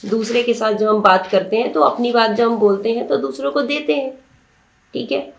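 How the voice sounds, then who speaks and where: A woman teacher explaining a textbook lesson slowly, word by word, asking her students questions as she goes. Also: a little high, fairly even intonation, gravelly, highs cut off. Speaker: Sanskrit teacher. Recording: roomy echo.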